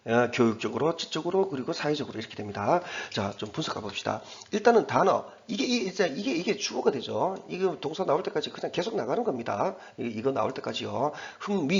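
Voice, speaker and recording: Lively Korean English teacher, lo-fi audio. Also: male voice, mid-range voice, creaky. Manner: explains step by step, pointing at the text on the board; mixes English terms into Korean explanation. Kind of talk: recorded exam-prep lecture.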